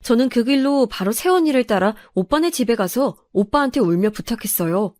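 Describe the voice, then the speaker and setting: A woman's voice: a little high, lively intonation, brisk, a little mellow, no echo. A woman narrating a true first-person family story, in an aggrieved, confiding manner.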